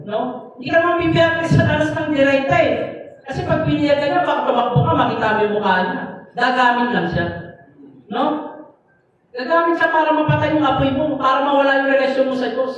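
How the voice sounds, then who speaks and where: A man's voice: extremely high pitch, brisk, a bit bright, muffled recording. A man giving a sermon as a lay preacher, telling a story in a loose, conversational way with frequent tag questions and fillers. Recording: echoey hall, mic far off, faint noise.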